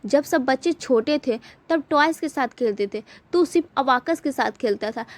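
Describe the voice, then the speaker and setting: A woman's voice: high-pitched, normal speed, lightly acted. A woman voicing a worried, pushy mother who scolds her genius son in a storybook retelling. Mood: scolding.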